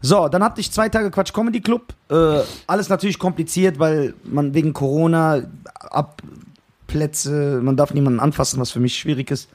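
A young man co-hosting a casual podcast, telling a story with animated retellings and frequent laughs. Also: on the high side, normal speed. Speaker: podcast co-host.

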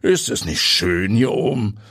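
A man voicing a confident, daring journalist and pilot who speaks in a brisk, energetic, self-assured way. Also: on the low side, gravelly, breathy edge, no echo, studio quality, voice pushed up, heavily acted. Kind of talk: audiobook character voice.

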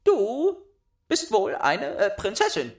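A man voicing a bold, bossy little robber girl in a storybook reading, speaking high, loud and commanding. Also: wildly swooping pitch, takes it slowly, full character voice.

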